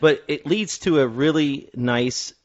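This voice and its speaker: A man co-hosting a podcast in casual film discussion, haltingly restarting his thoughts as he goes. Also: on the high side. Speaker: podcast host. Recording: dull, lo-fi sound.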